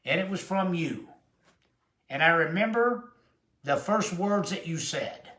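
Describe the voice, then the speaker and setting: Older Texan male preacher in his seventies, high-pitched, emphatic sermon, roomy echo. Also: animated, pushed and bright. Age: 70s. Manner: emotional, emphatic preaching with drawn-out quotes. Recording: echoey room.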